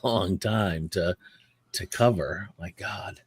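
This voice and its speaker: A man in a casual panel chat, reflective and unhurried. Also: deep voice, husky, no room sound. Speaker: panel guest.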